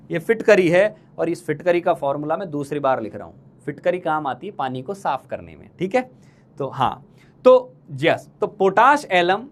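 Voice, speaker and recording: Teaching chemistry to students preparing for exams, this high-voiced man speaks rapidly and chattily in a live online lecture, in the manner of a coaching teacher. He fires off questions twice and ribs the class fondly with playful names.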